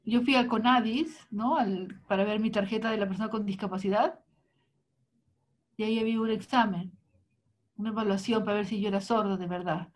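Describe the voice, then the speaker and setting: A woman voicing a live interpretation in the first person, with halting phrasing and restarts. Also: mid-range voice, fairly even intonation. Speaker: sign language interpreter.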